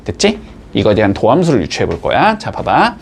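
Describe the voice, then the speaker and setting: A man teaching a math class, explaining step by step and checking in with his students with quick rising tags. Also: lowish voice, wildly swooping pitch, vocal fry, husky. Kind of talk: classroom lecture.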